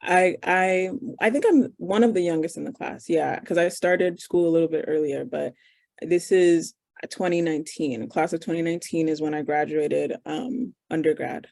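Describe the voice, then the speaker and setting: Gravelly young woman answering casually. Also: low-pitched, normal speed, a little mellow, dry recording, clean studio sound. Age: 20s. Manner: casual, thinks aloud with fillers. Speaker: medical student guest. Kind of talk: conversational interview answers.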